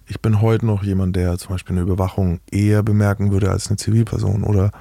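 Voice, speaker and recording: A man's voice: fairly low pitch, flat delivery, fast talker, vocal fry, warm tone, no echo. A middle-aged man speaking as an interview guest, talking frankly and matter-of-factly in a casual interview.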